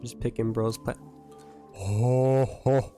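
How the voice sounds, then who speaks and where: A man streaming a video game, talking casually and excitedly, swearing and saying bro. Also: medium pitch, slow, faint music behind. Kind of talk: casual gaming commentary.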